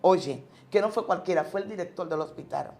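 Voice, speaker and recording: A woman's voice: fairly low pitch, a little fast, gravelly, mellow, soft background music. A woman pastor from the tells a personal religious testimony, an emotional storyteller who repeats and restarts words.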